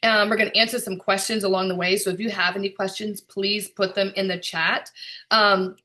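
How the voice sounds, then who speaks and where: A woman producer and director hosting a video call, chatty and excited, with frequent fillers and laughs. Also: mid-range voice, brisk. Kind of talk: casual presentation on a video call.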